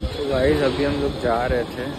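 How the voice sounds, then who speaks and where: Filming selfie-style at arm's length, this young adult from Prayagraj, India, narrates a chatty travel vlog and addresses his audience as guys and brother. His voice sits mid-range, moves little in pitch and goes at a moderate speed. Loud crowds and street sounds fill the phone mic as he moves through a train station, taxi, hotel room and city streets.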